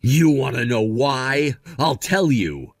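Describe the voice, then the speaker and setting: A betrayed husband who stays firm and unyielding, his voice swinging widely in pitch as he confronts his wife, as a man acts him out. The recording is dry and close, with no room sound. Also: animated, slow pace, no room sound. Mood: stern.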